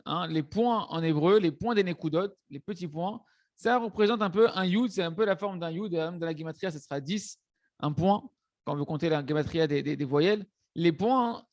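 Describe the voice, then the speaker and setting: Explaining a religious text, this Torah teacher speaks in a rather high voice, restarting phrases hesitantly and mixing in words. He keeps checking in with "hein" and "d'accord," and the close, dry recording has no room sound.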